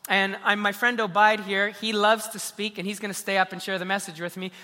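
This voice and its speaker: A man's voice: high voice, level tone, brisk, sharp tone. A man, a pastor, speaking earnestly from a church stage, often repeating words as he starts a phrase. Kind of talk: church stage talk and interview. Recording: reverberant church hall.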